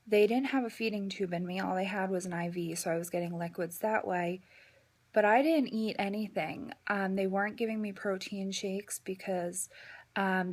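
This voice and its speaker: Female vlogger, casual personal update, halting delivery with drawn-out pauses, mid-range pitch. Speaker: vlogger giving a health update.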